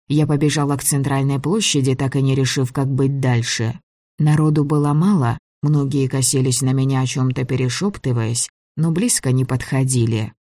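Audiobook reader telling a fantasy story in first person, even and measured, dry close mic. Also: medium pitch, dry recording.

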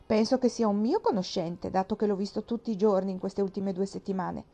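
A woman reading the part of a petulant, sarcastic young wife in a mellow voice, rising to a shrill insistence. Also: fairly quick, lightly acted.

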